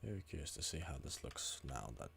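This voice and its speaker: A man's voice: very deep voice, very animated, a little fast, creaky, a bit bright, a little hiss or hum. A man streaming a video game, chatting casually, muttering and swearing as he plays. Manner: mutters and swears while playing. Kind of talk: casual gaming livestream chat.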